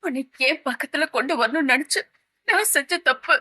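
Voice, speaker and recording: A woman's voice: very high-pitched, lively intonation, a little slow, sharp tone, no echo, full character voice. An actress playing a heartbroken young woman who cries and pleads with her mother in a TV serial scene. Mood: desperate. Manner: sobbing, pleading, repeating her mother's name. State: crying. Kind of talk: TV serial drama acting.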